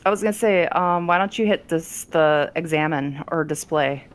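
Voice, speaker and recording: A woman's voice: low-pitched, moderate pace. A woman co-hosting a game stream in a casual, giggly way. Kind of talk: casual chat over gameplay.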